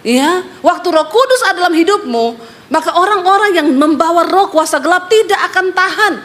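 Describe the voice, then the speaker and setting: High-voiced woman preaching with lively storytelling. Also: a little fast. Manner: direct, scolding address to the congregation. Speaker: pastor. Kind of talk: sermon.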